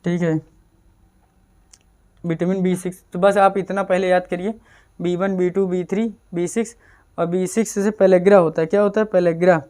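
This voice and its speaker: A man's voice: high-pitched, level tone, normal speed, long pauses, warm tone. A man giving a casual exam-prep chemistry lecture, repeating terms and asking and answering his own questions. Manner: repetitive drilling, asks and answers own questions. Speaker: chemistry teacher.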